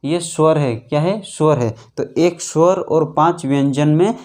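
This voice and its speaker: A man's voice: a little high, darkish tone. A man teaching a Hindi grammar lesson for exam preparation, repeating phrases and asking and answering his own questions as he writes. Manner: repetitive, asks and answers own questions, addresses "friends"; halting, restarts phrases while writing.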